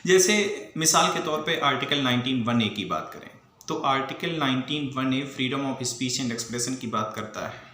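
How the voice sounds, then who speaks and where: Lecturing to civil service aspirants, this Indian teacher explains with forceful emphasis, poses questions, and mixes English legal vocabulary into his talk. He speaks unhurriedly in an expressive, bright mid-range voice. Faint noise sits under an echoey room sound.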